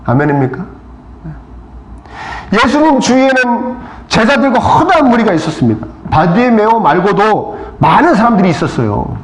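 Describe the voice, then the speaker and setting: In an echoey church sanctuary, a South Korean male pastor preaches in a fairly high, sing-song voice whose pitch swings widely, at normal speed. He fires rhetorical questions at the congregation and calls for amens. He also acts out crowd voices and rebukes from the story.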